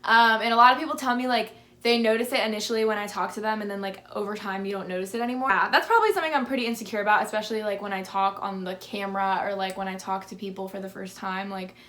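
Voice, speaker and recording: A fitness vlogger in her twenties answers viewer questions in a casual Q&A to camera, speaking fast with few pauses. Her mid-range voice is a bit bright, she has a lisp, and she chats away, sprinkling in lots of "like."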